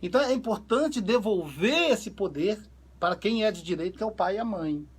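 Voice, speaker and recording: A man with a fairly high, husky voice, working as a psychoanalyst. He tells family stories in a relaxed conversational way and gives the people in them their own voices as he goes. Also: brisk. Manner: animated storyteller, acts out quoted dialogue. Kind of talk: conversational talk on family relationships.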